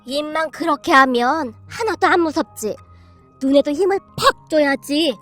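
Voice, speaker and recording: A woman voicing a stern, bossy old grandmother who drawls commands in a rough tongue, read as a storybook. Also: sits high, expressive, normal speed, a bit bright, soft background music. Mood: stern coaching.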